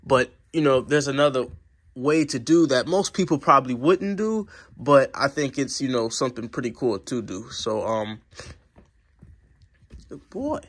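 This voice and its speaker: A man's voice: medium pitch, lively intonation, normal speed, breathy edge. A man casually vlogging to camera at home about training a new puppy, a bit stuffy from a cold, rambling with many fillers and restarts. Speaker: dog vlogger. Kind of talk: casual vlog talk to camera.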